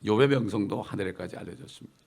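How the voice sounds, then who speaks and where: Gravelly-voiced Korean pastor preaching. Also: male voice, on the low side, very fast, a little mellow. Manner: asks the congregation questions and answers them himself; repeats key phrases for emphasis. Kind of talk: sermon. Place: church.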